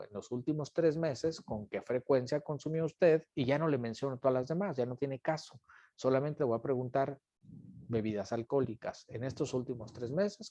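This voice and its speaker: A man's voice: medium pitch, warm tone, no echo, lo-fi sound. A man teaching an online class, patiently repeating each question and calling on students by name. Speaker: instructor.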